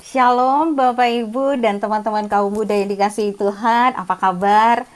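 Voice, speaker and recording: A woman's voice: mid-range voice, steady tone, normal speed. A woman in her forties giving a casual, chatty sermon reflection over a video call, self-deprecating and laughing often. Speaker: guest speaker at prayer meeting.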